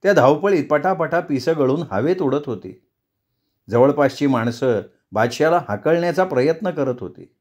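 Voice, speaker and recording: A man's voice: fairly high pitch, lively intonation, normal speed, darkish tone. Man reading a novel aloud. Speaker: storyteller. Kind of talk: audiobook narration of a novel.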